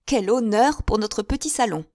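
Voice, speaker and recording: A woman's voice: on the high side, moderate pace, warm tone, no echo, clean studio sound, voice pushed up, close to an everyday voice. A woman voicing a chattering, effusive older spinster who gushes in breathless run-on talk. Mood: gushing.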